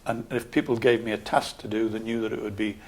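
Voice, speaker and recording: This fairly low-pitched man is a councillor in his 60s with a Geordie accent; he comes from Scotland and grew up in the Newcastle area. He responds to an interviewer's questions in a calm, measured, matter-of-fact way.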